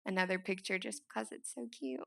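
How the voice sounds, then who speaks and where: Female speaker, East Tennessee Appalachian accent, bright and smooth, for a chatty, self-deprecating public talk. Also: medium pitch, steady tone, fairly quick. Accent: East Tennessee Appalachian Southern. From East Tennessee, United States. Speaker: nonprofit founder speaking to an audience. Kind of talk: informal, conversational public talk.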